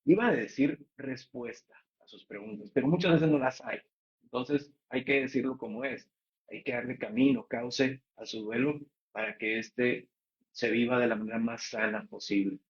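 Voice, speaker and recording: A man hosts an interview, speaking in a husky, slightly breathy voice at an ordinary pitch. He praises his guest warmly and reworks his own phrasing as he goes, and the recording has a somewhat muffled, lo-fi sound. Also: moderate pace. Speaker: interview host. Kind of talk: interview host questions.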